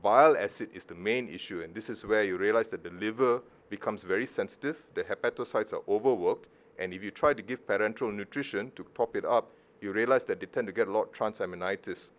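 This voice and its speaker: Malaysian guy, surgeon doing a conference talk, lowish voice, jokey and laid back. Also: fast. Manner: casual, joking asides, self-deprecating humour. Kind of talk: conference presentation.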